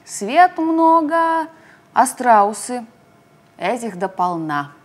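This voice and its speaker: Brief: woman playing tiny storybook frog, high, husky, proud little fibber. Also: very animated, extremely slow, exaggerated voice. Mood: boastful. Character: small boastful frog posing as dog.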